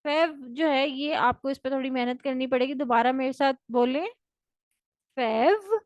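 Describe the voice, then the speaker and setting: A woman from Pakistan teaching a recorded language lesson, drilling words slowly for students to repeat. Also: sits high, dry recording, dull audio. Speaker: language instructor.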